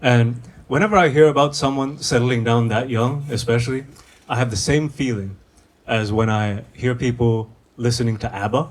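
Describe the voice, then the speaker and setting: A Sri Lankan man does conversational stand-up comedy at a live venue, hesitant and deadpan on a stage microphone. His mid-range voice moves at normal speed, and the live show recording is noisy.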